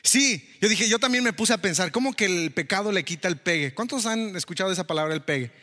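A man preaching a sermon as pastor, animated and often asking the congregation questions. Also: high voice, fast talker, in a large hall.

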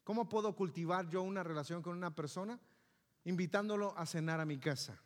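A man's voice: high voice, a little fast. A man with a Mexican accent preaching a sermon as pastor, often asking his congregation "yes or no?". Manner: lively, asks the congregation "¿sí o no?". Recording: reverberant hall with faint music.

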